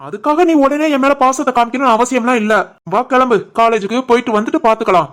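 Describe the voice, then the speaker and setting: A woman's voice: fairly high pitch, quick pace, natural voice. A woman voicing a teasing young Tirunelveli husband. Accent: Tirunelveli Tamil. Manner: teasing banter, turns soft and worried. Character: young husband, teasing but caring, shopkeeper. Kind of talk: animated family story.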